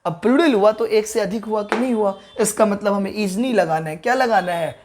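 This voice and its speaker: There's slight background noise as a man with a high voice gives an online grammar lesson. He frequently asks viewers whether it made sense and repeats key terms slowly at a board.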